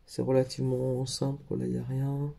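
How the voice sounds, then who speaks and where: A man's voice: mid-range voice, completely flat delivery, brisk, vocal fry, warm tone. A man in a casual craft haul video, talking in a hesitant way with lots of fillers and self-corrections. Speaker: craft vlogger.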